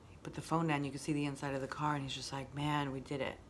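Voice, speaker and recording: A woman's voice: rumbling low, level tone, racing, slight background noise. A woman hosting a casual motivational monologue, reflective and repeating phrases for emphasis. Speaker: host.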